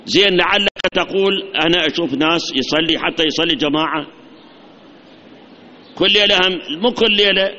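A man's voice: high voice, pushed and bright. A man preaching a sermon with an Iraqi Arabic accent, emphatic, addressing his listeners directly and piling up repeated lists. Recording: dull lo-fi recording.

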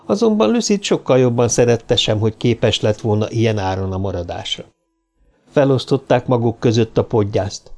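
Male audiobook narrator, mid-pitched, steady and measured, over faint music. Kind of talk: scripted narration.

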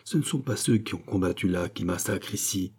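A man reading aloud voices a steady grown man who calmly reassures a friend. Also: low-pitched, fairly quick, gravelly, slightly rough, heavily acted. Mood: reassuring.

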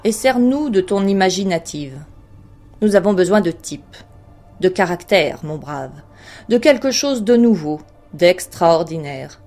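Lady doing a fat bully king, loud and mocking, deepish voice, faint music underneath. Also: expressive, unhurried. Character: cruel, boisterous fat old king.

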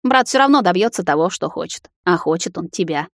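A woman's voice: lowish voice, animated, a little fast, no room sound, clean studio sound. A woman reading a cocky young vampire man. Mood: smug. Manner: mocking, then frantic shouting. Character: smug young male vampire, cocky then panicky. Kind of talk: audiobook character reading.

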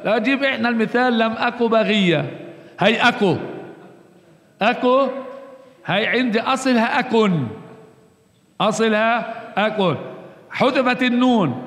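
A man teaching a grammar lesson, explaining slowly and repeating points, posing questions and answering them himself. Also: high-pitched, a bit bright. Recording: long reverb, roomy hall.

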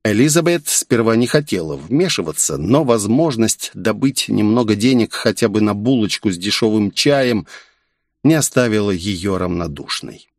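A man reading a story aloud as its narrator, with expressive storytelling. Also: fairly low pitch, moderate pace, dry recording, studio quality. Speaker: audiobook narrator. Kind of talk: scripted narration.

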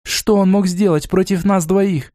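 A man voicing a fiery, indignant young female envoy who speaks in a high, sharp, accusing voice. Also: normal speed, dry recording, studio quality, close to an everyday voice. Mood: scornful.

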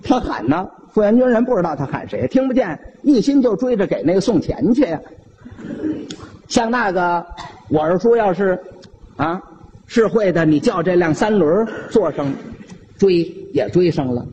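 Lively male storyteller, Beijing accent, high voice, very animated delivery. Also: normal speed, in a large hall, slight background noise. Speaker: comic storyteller. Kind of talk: solo comic storytelling.

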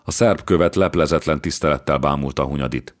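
A man narrating a historical novel as an audiobook in a measured, even way. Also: a bass voice.

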